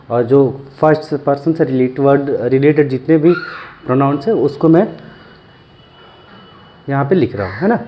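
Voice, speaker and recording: A man giving a language lesson, slowly repeating each word and asking and answering his own questions. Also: a little high, dark tone, slight background noise. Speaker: language teacher.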